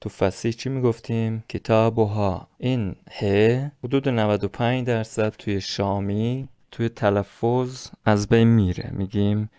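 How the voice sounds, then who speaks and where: A man teaching a recorded language lesson in a low, level voice. He explains patiently and stretches out each example phrase as he repeats it. His voice is smooth and clean, recorded dry and close with no room sound. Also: fairly even intonation, few pauses, mellow, dry recording. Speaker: Arabic dialect teacher.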